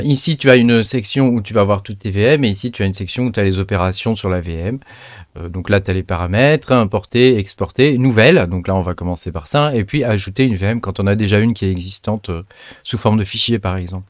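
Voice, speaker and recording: Guy with a lowish voice doing a laid-back tech walkthrough, slangy, lots of "euh", dead dry sound. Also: no room sound. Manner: loose and chatty, many fillers, slangy asides. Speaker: tech tutorial host. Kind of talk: casual screen-recorded tutorial.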